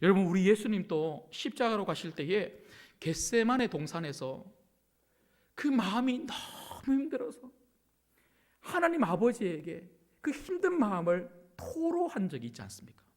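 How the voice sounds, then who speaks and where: A male pastor preaches a Sunday sermon in a strikingly high voice. His pitch rises and falls freely, giving the sermon a lively sing-song shape. He presses hard on key words, then sinks to a soft, hushed delivery. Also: moderate pace. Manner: emphatic preaching that swings between loud stresses and soft hushed passages. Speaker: senior pastor.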